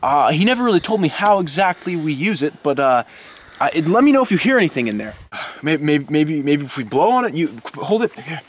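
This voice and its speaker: Young man, fairly high lively voice, rambling, giggly, mock-expert improv outdoors, faint background noise. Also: fairly quick. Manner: rambling and giggly, breaking into laughter. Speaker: comic co-host posing as an expert. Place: outdoors on a wooded hill.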